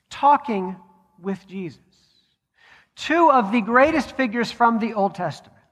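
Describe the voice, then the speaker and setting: Man, pastor, sermon, high voice, long reverb in church. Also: fairly bright tone. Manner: measured, with deliberate pauses. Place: church sanctuary.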